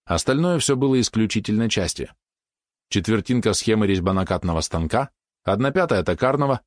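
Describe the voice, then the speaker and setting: A man reading first-person narration of an audiobook in an even, matter-of-fact way. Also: lowish voice, no room sound, clean studio sound.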